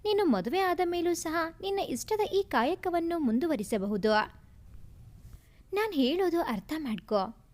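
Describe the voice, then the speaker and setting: A woman's voice: very high voice, sing-song, measured pace, a little mellow, heavily acted. A woman doing a worried, insistent mother. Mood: urging. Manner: insistent, pained. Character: worried middle-aged mother urging her daughter to marry.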